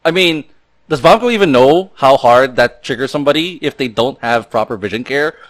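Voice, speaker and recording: A man hosting a relaxed podcast, with a middling voice that is neither high nor low. He rambles loosely through his points, piling up fillers and restarting his sentences. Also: brisk. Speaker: podcast host. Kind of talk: casual podcast chat.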